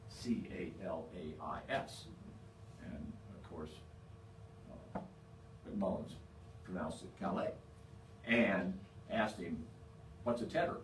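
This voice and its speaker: A man giving an informal, humorous lecture in a halting, hesitant way, pausing often to search for words. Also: lowish voice. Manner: halting, hesitant delivery with long searching pauses. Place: indoor lecture room, picked up from afar. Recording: distant echoey room, faint noise.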